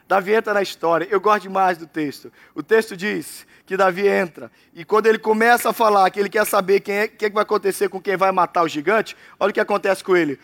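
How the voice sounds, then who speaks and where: A man from Brazil preaching a lively sermon, acting out the voices in the story. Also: high voice, quick pace, hardly any pauses. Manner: animated, acts out characters in quotes. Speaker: pastor. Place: church abroad.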